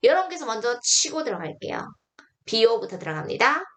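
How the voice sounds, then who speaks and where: A woman's voice: a little high, big pitch swings, a little fast, fairly bright tone. A young woman teaching pronunciation in an online lesson, drilling syllables one by one and correcting mistakes emphatically.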